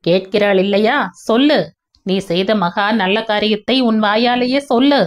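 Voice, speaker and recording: A woman's voice: sits high, unhurried, darkish tone, pitched above the performer's own voice. A woman voicing a stern middle-aged father who speaks harshly and commandingly. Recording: dull lo-fi recording.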